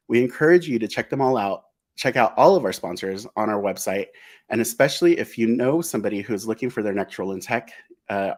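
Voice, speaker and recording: A man hosting a live-streamed interview, upbeat and effusive, with frequent ums and uhs. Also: fairly low pitch. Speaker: host.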